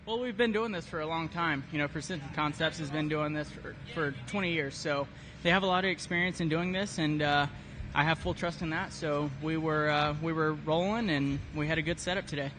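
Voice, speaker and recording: A man speaks as a racer in a casual post-race interview. His voice sits slightly high and his manner is frank and matter-of-fact. Vehicle and outdoor noise are clearly heard. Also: fairly quick.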